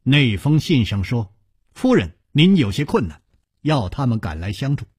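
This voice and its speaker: A man's voice: mid-range voice, big pitch swings, moderate pace, a little mellow, husky, dry recording, studio quality. A man voicing a proud, clever young swordsman hero in a wuxia story, courteous but persistent. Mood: probing, courteous.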